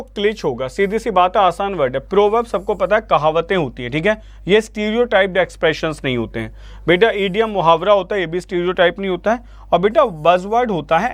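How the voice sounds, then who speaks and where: An online vocabulary teacher with an Indian accent coaxes his pupils, repeatedly calls them "beta," and asks them for answers time after time. His voice is high, and nothing echoes.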